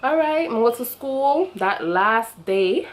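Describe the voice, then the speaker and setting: A woman's voice: on the high side, slow. Chatty young Jamaican woman vlogging. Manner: chatty and talkative, with lively asides to viewers. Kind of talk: casual chat to camera.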